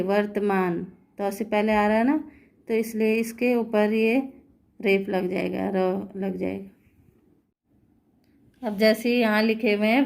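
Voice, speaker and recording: A woman teaching Hindi grammar, explaining patiently and checking understanding with rhetorical questions. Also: on the high side. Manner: patient, repeating words slowly and asking rhetorical checks. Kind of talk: classroom-style explanation.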